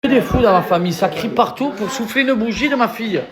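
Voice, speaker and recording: A man's voice: high voice, fast talker, a bit bright. A man, a father playfully teasing and cooing at his baby in a casual family video. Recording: noisy phone video.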